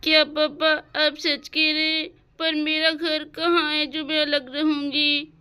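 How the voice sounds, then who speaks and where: A woman's voice: sits high, level tone, measured pace, sharp tone. A woman voicing a stubborn, sulky young girl in a doll-house cartoon story, with a whiny tone. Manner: whiny, petulant.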